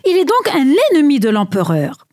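A woman voicing a group of angry chief priests in a storybook Bible reading, high and insistent. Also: wildly swooping pitch, moderate pace, no room sound, studio quality. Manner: loud, insistent.

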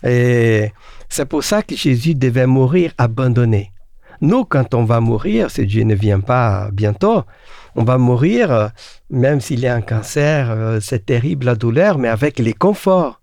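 An earnest man teaches the Bible in a conversation, asking rhetorical questions of his listeners. His voice is dark and mellow, with many fillers and restarts. The recording is close and dry. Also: medium pitch, expressive, no room sound. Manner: halting, with frequent fillers and restarts.

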